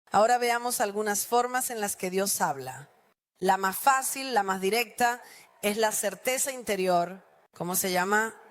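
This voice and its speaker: A middle-aged woman pastor preaching a sermon, often putting questions to the congregation. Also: medium pitch.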